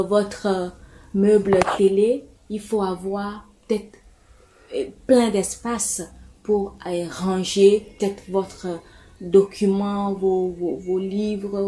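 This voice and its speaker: A woman with a medium-pitched, dark-toned voice chats casually to her viewers with home decorating advice. She repeats herself a lot, restarting often and filling gaps with many fillers.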